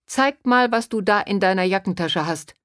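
A woman voicing a gruff, towering male policeman who barks orders. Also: mid-range voice, animated, moderate pace, no room sound, studio quality, voice pushed up, natural voice. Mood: barking. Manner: barking orders.

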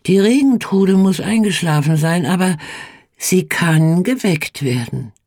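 A reader voicing a frail, gentle older village woman in a storybook reading, soft and earnest. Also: mid-range voice, big pitch swings, measured pace, husky, dry recording, clean studio sound, voice pushed up, exaggerated voice. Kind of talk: audiobook reading.

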